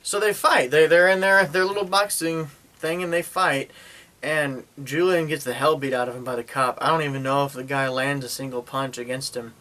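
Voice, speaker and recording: A man's voice: a little high, steady tone, moderate pace, pushed and bright. A man giving a casual spoken movie review, retelling the plot in a rambling way, with lots of fillers and sarcastic asides. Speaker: film reviewer.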